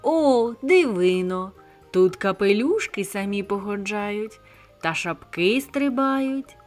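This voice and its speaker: A woman voicing a gleeful, hungry male stork who teases in a slow sing-song way in a storybook tale. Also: medium pitch, lively intonation, a bit bright, soft background music. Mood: amazed, gloating.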